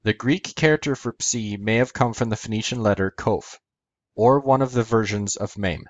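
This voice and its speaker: A man's voice: on the low side, moderate pace, dry recording, lo-fi sound. A man hosting an educational video, narrating a methodical scripted explanation step by step.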